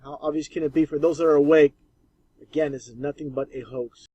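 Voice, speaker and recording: A man's voice: on the high side, fairly even intonation, fairly quick, mellow, no echo, highs cut off. A man narrating a voice-over in a scornful, mocking way. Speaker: video narrator. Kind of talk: conspiracy commentary voice-over.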